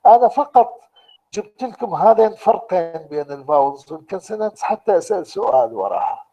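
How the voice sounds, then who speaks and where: A man with an Iraqi Arabic accent giving a university lecture online, explaining slowly and deliberately and restating each point in two languages. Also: high-pitched, lively intonation, dark tone, poor audio.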